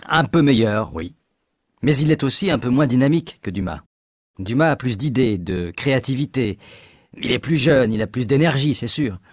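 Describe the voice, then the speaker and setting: A man reading a scripted textbook dialogue as a hiring manager, clear and measured. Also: mid-range voice, expressive, dry recording, clean studio sound.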